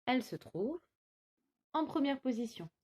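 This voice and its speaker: Slow, lilting woman teaching phonics. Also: sits high, sing-song, darkish tone. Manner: slow, clearly articulated, syllable by syllable. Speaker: kindergarten teacher. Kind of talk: recorded remote phonics lesson for young children.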